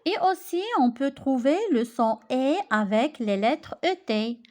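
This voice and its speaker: A woman teaching French pronunciation, who says each word clearly and deliberately and repeats it, as in a spoken language lesson. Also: a little high, expressive, darkish tone.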